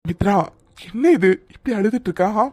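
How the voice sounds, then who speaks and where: Figure: someone voicing a caring young man, fast and soothing. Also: medium pitch, darkish tone, no room sound, clean studio sound, natural voice. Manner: soothing, reassuring, quick. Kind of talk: cartoon voice acting.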